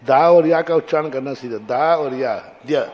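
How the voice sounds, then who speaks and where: A man teaching a class, correcting students as they recite a verse and sounding out syllables slowly to show them how. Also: mid-range voice, darkish tone, dull audio. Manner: patient, corrective, repeats syllables slowly to demonstrate. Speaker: Jain monk teacher.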